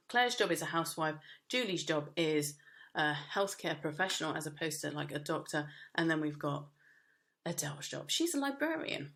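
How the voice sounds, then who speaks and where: A woman's voice: deep voice, a bit bright. A woman teaching a media studies lesson, explaining casually with frequent fillers and restarts. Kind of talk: recorded lesson.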